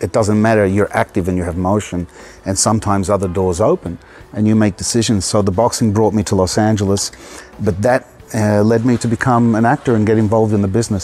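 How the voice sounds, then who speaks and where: A man in his fifties from Australia, an actor telling stories in a relaxed outdoor interview with a lapel mic. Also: lowish voice. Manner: relaxed storytelling, laughs often. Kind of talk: casual interview. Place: outdoor garden.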